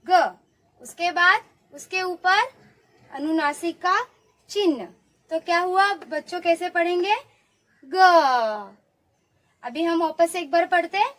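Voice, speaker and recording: At a measured pace and an extremely high, somewhat bright pitch, a woman teaches little children online. As a primary school teacher, she gets them to echo sounds back to her and gives praise for each response.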